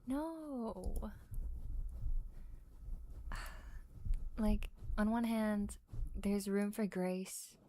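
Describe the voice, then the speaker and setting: A woman's voice: medium pitch, warm tone. A woman streamer chatting informally with her viewers in a musing, hedging way. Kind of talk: casual livestream chat. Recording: background noise with small clicks.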